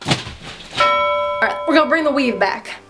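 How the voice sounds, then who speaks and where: High-pitched young woman, casual vlogger. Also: lively intonation, slow pace, over loud music. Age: young adult. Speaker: challenge guest. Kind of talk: casual vlog chat to camera. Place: bedroom.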